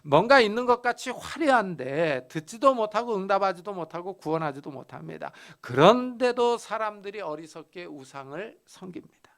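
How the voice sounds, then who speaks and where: Pastor, male, raised pitch with a gravelly edge, storytelling sermon delivery with strong emphasis. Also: lively intonation, fairly bright tone. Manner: storytelling, dramatic pauses and emphasis. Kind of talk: expository sermon.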